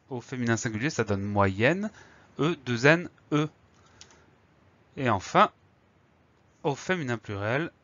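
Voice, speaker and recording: A male teacher walks young pupils through spelling, pausing to sound out each letter with careful emphasis. His voice sits in a middle register and is recorded dry and close, with a slightly dull, muffled tone. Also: medium pitch, fairly bright tone, no echo. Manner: slow, clear, spells words letter by letter. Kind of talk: spelling lesson for children.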